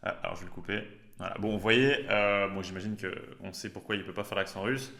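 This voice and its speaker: A man with a fairly low voice walks viewers through a casual tech demo. He talks loosely and slangily, with plenty of filler pauses. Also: gravelly. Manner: relaxed, chatty, slangy with frequent hesitations. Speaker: host.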